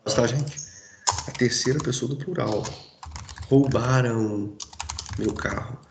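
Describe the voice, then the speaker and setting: Male teacher, casual grammar lesson, gravelly voice, echoey room, faint typing. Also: mid-range voice, fairly even intonation, slow, background noise. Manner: informal, addresses students directly with frequent checks.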